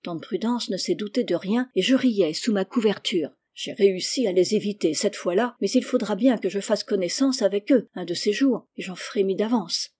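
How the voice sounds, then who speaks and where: A woman's voice: medium pitch, normal speed, few pauses, a little mellow, breathy edge, lightly acted. A woman reading a timid, fretful orphan girl. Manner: anxious, complaining. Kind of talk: audiobook character reading.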